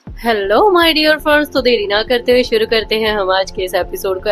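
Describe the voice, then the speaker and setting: A woman narrating a story summary in a dramatic, expressive storytelling manner. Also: on the high side. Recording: soft background music.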